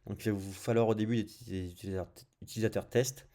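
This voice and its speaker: Low, mellow-voiced French man teaching code. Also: fairly even intonation, fast talker. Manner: thinks aloud while clicking through screens, frequent "hop" and "euh". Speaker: programming tutorial host. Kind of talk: casual screencast coding tutorial.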